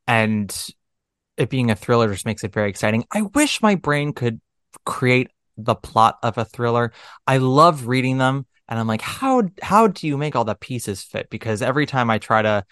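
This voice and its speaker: A man hosting a casual podcast interview, talking in an animated, emphatic, jokey way. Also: medium pitch, no room sound, studio quality. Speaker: podcast host.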